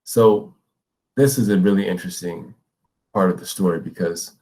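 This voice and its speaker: An American man who teaches middle school ethnic studies gives an educational lecture with read-aloud passages. His low, darkish voice has vocal fry and moves at a moderate pace. He explains ideas step by step, often checking in with listeners by asking "right?"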